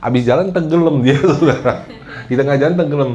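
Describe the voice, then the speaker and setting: A man preaching a sermon as pastor, lively and joking, acting out the prayers he quotes and often addressing his listeners directly. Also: on the high side, fast, lo-fi sound.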